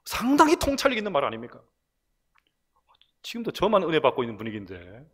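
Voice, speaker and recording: A middle-aged man with a Gyeongsang accent delivers an afternoon sermon in a church. His voice sits slightly high and swings widely in pitch. He talks in a warm, storytelling way, as if chatting with the people in the pews. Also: fast. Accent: Gyeongsang Korean. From Gyeongsang region, Korea. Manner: conversational, animated, laughs at own stories. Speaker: preacher. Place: church, recorded from broadcast room.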